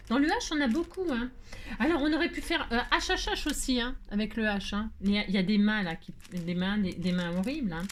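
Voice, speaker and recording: Speaking at medium pitch with a darkish tone, a French woman runs an informal craft tutorial. She chats hesitantly, sprinkles in "euh" and "hein," and laughs at herself, with faint background noise and clicks audible.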